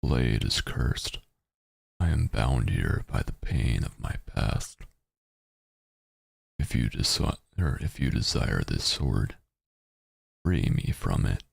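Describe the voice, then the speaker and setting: A man voicing a solemn, cursed ghost from a game, speaking slowly and gravely with a gravelly voice. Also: extremely low pitch, big pitch swings, no echo, clean studio sound, pitched below the performer's own voice, full character voice. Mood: solemn, pained. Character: solemn cursed male ghost bound by past pain. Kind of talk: reading game dialogue in character.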